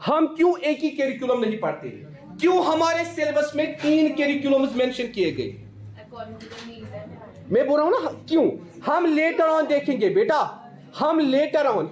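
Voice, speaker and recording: A male teacher giving a classroom lecture who keeps calling his students "beta" and repeats each key point as a question to the class. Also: extremely high pitch. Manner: mixes Hindi with English terms. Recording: echoey classroom.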